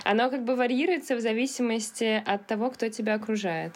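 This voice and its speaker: A woman's voice: fairly high pitch, fairly quick. A woman in her twenties, a PR manager guesting on a podcast, chatty and laughing easily. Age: 20s. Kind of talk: casual podcast chat.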